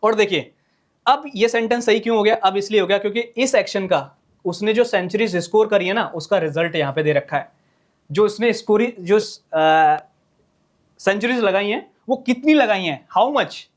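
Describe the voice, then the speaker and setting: A man's voice: high voice, normal speed. Patient male teacher explaining grammar. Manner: repetitive, checks in with "clear hai na?"; addresses viewers as friends. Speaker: English teacher. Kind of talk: Hindi-language grammar lesson at a board.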